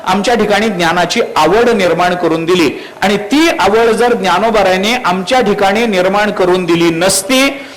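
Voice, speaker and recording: A man's voice: sits high, normal speed, rough recording. A man from Marathwada with a Marathwada Marathi accent, preaching a devotional kirtan, quoting Sanskrit verses and firing rhetorical questions at the crowd. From Marathwada, India.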